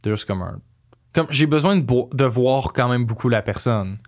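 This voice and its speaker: A man's voice: medium pitch, expressive, moderate pace. A young adult man with a Quebec French accent, chatting casually in slangy speech sprinkled with English phrases. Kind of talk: casual chat.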